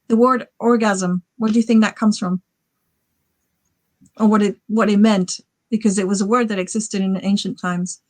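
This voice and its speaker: A woman in her forties chats enthusiastically, piling on fillers as she rambles. Her voice sits mid pitch and sounds dry and close. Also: dry recording. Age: 40s. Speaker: guest author. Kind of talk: casual podcast chat.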